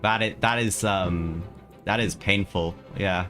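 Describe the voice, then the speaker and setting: A deep-voiced man livestreams a video game, speaking slowly but with a pushed, bright tone while soft game music plays behind him. He chats casually with his viewers, often repeats his phrases, and calls them lads.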